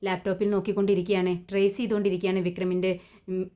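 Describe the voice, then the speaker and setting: A woman's voice: medium pitch, level tone, rapid-fire, mellow. A woman retelling the story of a TV serial in casual narration, often restarting words.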